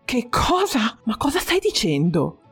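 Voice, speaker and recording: A stiff, pragmatic young man caught off guard by his coworkers, as an audiobook narrator plays him. His lines come out terse and incredulous. Soft music plays faintly underneath. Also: mid-range voice, huge pitch swings, unhurried, breathy edge, exaggerated voice. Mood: baffled.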